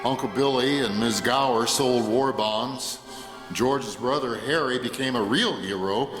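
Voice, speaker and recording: A man playing an authoritative senior angel, narrating a stage radio play in a measured way. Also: mid-range voice, a bit bright, faint music behind, natural voice. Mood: solemn recounting. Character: heavenly senior angel, calm and authoritative storyteller. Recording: echoey hall.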